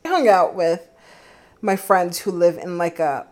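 A woman's voice: on the low side, unhurried, a little mellow. A young woman in her twenties hosting a solo podcast, telling a dating story in a chatty, giggly way with lots of fillers. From Philadelphia area. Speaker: podcast host.

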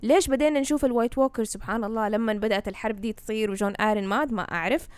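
A woman speaks quickly in Hejazi Saudi Arabic with English words mixed in. She explains in a casual, conversational way, often tossing in check-in questions. The sound is close and dry. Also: on the high side, clear, resonant tone, dry recording. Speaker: knowledgeable guest explaining fantasy lore.

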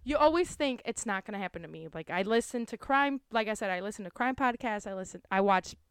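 A woman co-hosting a podcast, telling a story in casual chat, quick and animated with lots of "like"s. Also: mid-range voice, smooth, dry recording, clean studio sound. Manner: animated, fast storytelling with many "like"s and acted-out quotes. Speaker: podcast co-host.

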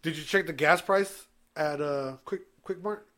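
Joking young man, bright tone. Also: on the high side, a little slow. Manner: joking, profane banter. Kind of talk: casual podcast chat.

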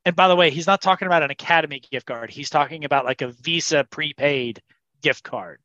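A man's voice: fairly high pitch, fairly quick, bright, forceful tone, slight background noise. A man co-hosting a casual chat, rambling with many restarts. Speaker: podcast co-host. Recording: dull lo-fi sound.

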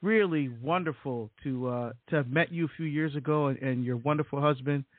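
Brisk and a little high-voiced, this middle-aged deacon and author from Barbados recounts his life in a relaxed interview, repeating himself and using many fillers. The recording sounds tinny like a phone and is dry, with no room sound.

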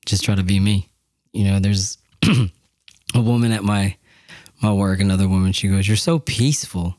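A man with a lowish voice talks casually and bluntly on a podcast, swearing freely and circling back on his thoughts. The sound is dry and close, with no room around it. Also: flat delivery, normal speed, darkish tone, no room sound. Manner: candid, profane, meandering. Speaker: podcast co-host. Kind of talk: casual chat.

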